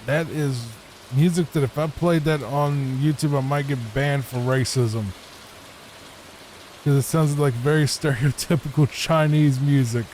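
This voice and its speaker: Virginian man, mid-pitched, easygoing rambling game talk for sleep, faint hiss behind. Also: fairly even intonation, a little slow, a little mellow, poor audio. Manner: laid-back, rambling. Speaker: gameplay channel host. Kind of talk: soft sleep-aid gameplay commentary. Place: home room, not a booth. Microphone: studio microphone with added EQ.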